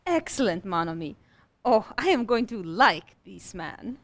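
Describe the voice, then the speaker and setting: A woman's voice: medium pitch, sing-song, a little slow, fairly bright tone. An actress playing a gracious French lady hatmaker with a French accent and ornate manner in a radio comedy. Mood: delighted. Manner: ornate phrasing with French words. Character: charming French lady milliner, gracious, theatrical, wistful. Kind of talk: old-fashioned radio comedy acting.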